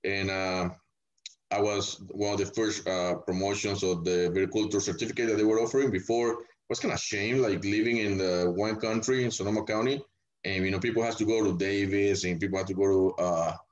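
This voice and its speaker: Podcast guest: man from El Salvador, deep voice, easygoing and rambling, muffled lo-fi recording. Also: fairly quick. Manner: relaxed, rambling, many fillers. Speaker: winemaker guest. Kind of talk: casual podcast interview. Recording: dull lo-fi audio.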